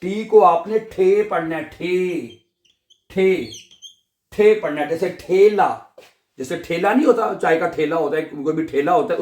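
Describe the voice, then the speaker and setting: A man's voice: high voice, a little mellow, reverberant. A man with a Pakistani Urdu accent teaching a beginner language lesson, patiently repeating each sound and checking that students follow.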